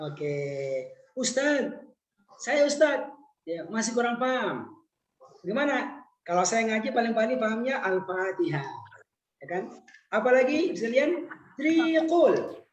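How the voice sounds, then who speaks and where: A man teaching a Quran lesson in an online webinar, putting questions to his listeners and slowing right down when he recites. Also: extremely high pitch, big pitch swings, echoey room. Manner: questions the audience, slow drawn-out recitation. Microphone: video call.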